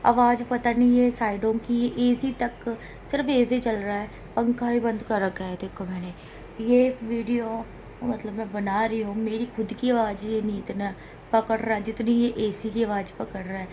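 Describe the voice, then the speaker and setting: A woman's voice: a little high, fairly even intonation, normal speed, dark tone. A woman from India vlogging casually at home, unwell and in pain, talking in a plain, complaining, straight-talking way. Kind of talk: casual home vlog talk. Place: home room with air conditioner running. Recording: noisy room, air conditioner hum.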